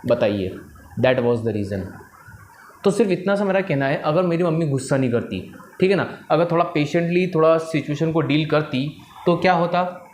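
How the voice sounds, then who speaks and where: A young man from India, an English trainer, telling students a motivational story. He talks in a lively way, switches between Hindi and English, and keeps checking in with "right?". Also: a little high, moderate pace, slight background noise. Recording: roomy echo.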